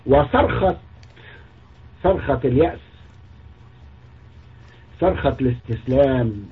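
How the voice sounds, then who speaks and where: A man's voice: mid-range voice, lively intonation, measured pace, husky. A man with an Egyptian Arabic accent giving a mocking, scornful polemical monologue, lecturing as a religious critic. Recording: tinny phone-like audio.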